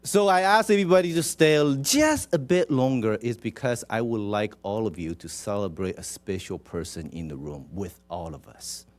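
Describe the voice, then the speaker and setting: A man's voice: on the low side, lively intonation, moderate pace, few pauses. A man with a Taiwanese accent speaking as a mayor at a council meeting, chatty and jovial as he addresses people directly in a ceremonial address. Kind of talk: informal ceremonial public address with proclamation reading.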